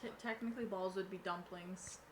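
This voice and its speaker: A woman's voice: medium pitch, steady tone, fairly quick, darkish tone. A woman in the background of a stream, teasing dryly from off-mic. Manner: dry teasing interjections. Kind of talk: casual chat. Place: room behind the streamer, off-mic.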